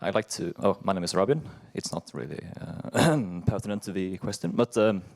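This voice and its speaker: A man's voice: deep voice, animated, brisk, creaky, a little mellow. A man in the audience asking a panel a question, unprepared and tentative.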